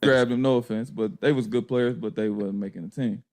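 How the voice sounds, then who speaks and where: A man telling a basketball story in casual chat, laughing and acting out teammates in loud high voices. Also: fairly even intonation, fairly quick. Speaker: former pro basketball player telling a story. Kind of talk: animated storytelling.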